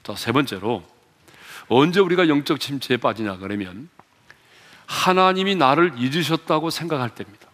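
A male pastor preaching a sermon, putting questions to the congregation, leading them in reading aloud, and swinging between loud and low for emphasis. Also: expressive, normal speed, big-room sound. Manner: wide swings in pitch and loudness, drops low for emphasis. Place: church sanctuary.

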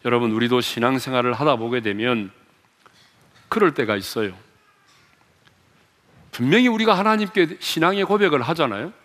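A male pastor preaching a sermon, putting questions to the congregation, leading them in reading aloud, and swinging between loud and low for emphasis. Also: expressive, moderate pace, pauses often, in a large hall. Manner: wide swings in pitch and loudness, drops low for emphasis. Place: church sanctuary.

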